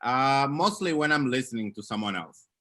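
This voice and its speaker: A man's voice: mid-range voice, animated, normal speed, a bit bright, no echo. A man from Angola, a guest on an online meeting, speaking hesitantly and restarting his phrases. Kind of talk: casual video-call chat. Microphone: video call.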